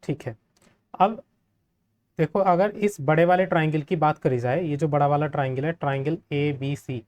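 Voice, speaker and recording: A man teaching a geometry proof step by step, friendly, often asking the class quick checking questions. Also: fairly high pitch, darkish tone. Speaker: maths teacher.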